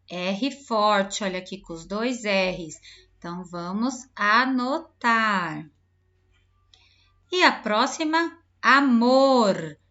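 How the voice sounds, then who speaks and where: Slow, bright-voiced Brazilian woman teacher. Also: mid-range voice, highs cut off. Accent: Brazilian Portuguese. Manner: slow, drawn-out word-by-word dictation to young pupils. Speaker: primary school teacher. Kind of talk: recorded remote lesson for children.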